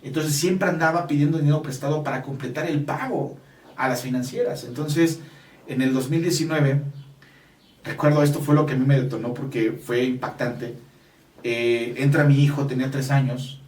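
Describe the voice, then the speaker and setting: A man's voice: medium pitch, fairly even intonation, normal speed, a little mellow, far from the mic. An earnest man with a Mexican Spanish accent tells a personal story in an interview, emphatic and speaking straight to the listener. His voice sits in a mid range and sounds roomy, picked up from a little way off the mic. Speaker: business coach.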